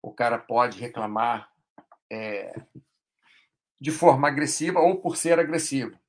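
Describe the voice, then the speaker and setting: A man's voice: mid-range voice, fairly even intonation, unhurried, breathy edge. A man hosting a live stream, explaining ideas casually in a rambling way, with frequent tag questions.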